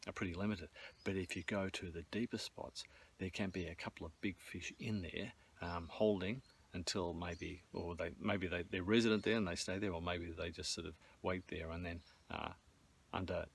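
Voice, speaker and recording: A middle-aged Australian man explaining his fishing plan in a relaxed, rambling way, with fillers and restarts, filmed outdoors by a creek on a phone held at arm's length. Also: sits low, vocal fry, slightly rough. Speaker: fishing vlogger. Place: outdoors by a shallow suburban creek. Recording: outdoor phone audio with stream noise. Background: trickling stream.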